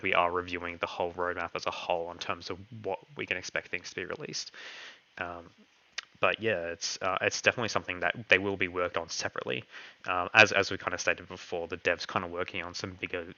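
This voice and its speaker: Low-voiced man losing his voice. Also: sharp tone, highs cut off. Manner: hesitant, heavy on fillers and "kind of". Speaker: crypto project host answering community questions. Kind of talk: live online Q&A chat.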